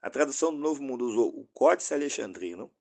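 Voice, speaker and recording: Combative Brazilian apologetics host. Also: male voice, medium pitch, lively intonation, fast, gravelly, darkish tone. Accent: Brazilian Portuguese. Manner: combative, direct, addresses opponent. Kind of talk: apologetic rebuttal monologue.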